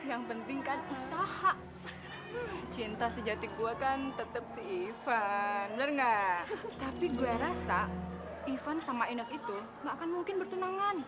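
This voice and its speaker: A woman's voice: fairly high pitch, lively intonation, measured pace. An actress playing a spiteful, scheming young woman who talks in smug, casual slang in a TV drama. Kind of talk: TV drama acting. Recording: TV drama with loud music behind.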